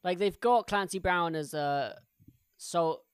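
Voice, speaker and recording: A man co-hosting a casual podcast, swearing freely and ranting with quick banter. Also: high voice, smooth, dry recording, studio quality. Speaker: podcast co-host.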